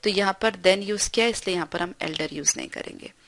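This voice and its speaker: A woman teaching English grammar in a recorded lesson, explaining patiently and reading example sentences slowly with frequent check-ins. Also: medium pitch, a bit bright.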